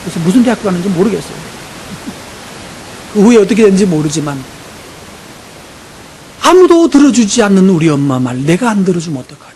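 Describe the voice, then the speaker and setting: A man's voice: high-pitched, big pitch swings, a little fast, long pauses, mellow, a little hiss or hum. A man preaching a sermon as pastor, telling a story, acting out voices and putting questions to the congregation.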